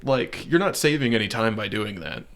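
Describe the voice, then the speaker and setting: A man's voice: lowish voice, very animated, normal speed, fairly bright tone. A young man co-hosting a podcast in casual chat, rambling and hesitant, often trailing off into mumbles. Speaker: podcast co-host. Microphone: podcast microphone.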